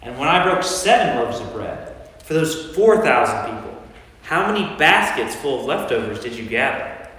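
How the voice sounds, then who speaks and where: An amateur actor playing Jesus as an earnest, commanding teacher in a staged scripture reading in a church. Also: male voice, medium pitch, sing-song, moderate pace, fairly bright tone. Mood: exasperated. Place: inside a reverberant church. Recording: echoey church hall with long reverb.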